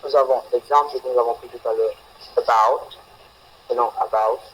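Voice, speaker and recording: A man teaching English phonetics in an online class, slowly and repeating example words deliberately. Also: mid-range voice, fairly even intonation, a little hiss or hum, low-quality recording. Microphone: video call.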